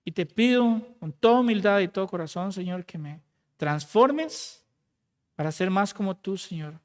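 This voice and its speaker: A man preaching, then leading a fervent closing prayer that repeats "Lord" at phrase ends and trails off softly. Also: high voice, animated, moderate pace. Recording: long hall reverb.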